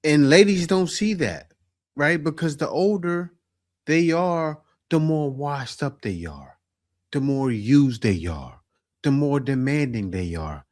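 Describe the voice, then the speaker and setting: A man's voice: on the high side, lively intonation, takes it slowly, a little mellow. A man giving casual commentary on dating, often tagging his points with a question. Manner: conversational, asks "right?" often.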